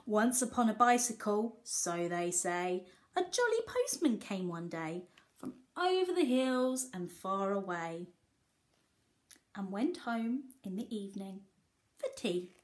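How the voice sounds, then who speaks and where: In a mid-range voice, a woman reads aloud from a picture book for young listeners, full of expression, and stops like a teacher to clarify things and ask basic questions.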